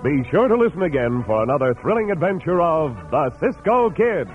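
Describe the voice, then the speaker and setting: Old-time radio announcer, male, animated delivery, tinny phone-like recording with organ behind. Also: on the high side, brisk. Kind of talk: 1940s-50s radio announcing. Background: organ music.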